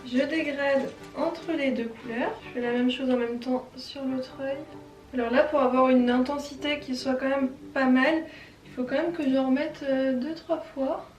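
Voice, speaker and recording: A woman's voice: sits high, fairly even intonation, moderate pace, echoey room, far from the mic. A chatty French woman with a French accent, talking through a makeup tutorial and explaining each step with self-deprecating asides. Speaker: beauty vlogger.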